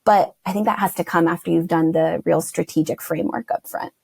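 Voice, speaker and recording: A woman's voice: fairly low pitch, steady tone, a little fast, creaky, a little mellow, slightly rough, no echo. A woman guest talking casually about brand strategy on a podcast, chatty and full of "like" and "you know". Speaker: guest, verbal identity strategist.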